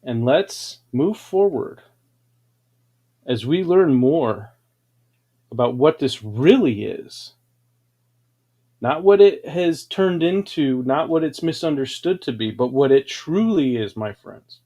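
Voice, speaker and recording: Slow, dramatic man preaching to his chat. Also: medium pitch, expressive, mellow. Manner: dramatic, preachy, tall-tale boasting. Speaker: livestream host. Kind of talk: grandiose motivational storytelling.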